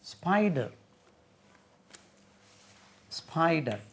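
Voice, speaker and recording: A man leads a spoken vocabulary lesson, his voice sitting a little high. He moves very slowly, spelling words letter by letter and checking with his listeners through a steady stream of "right?". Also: slight background noise. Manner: patient, repetitive, asks "right?" often. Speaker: English teacher.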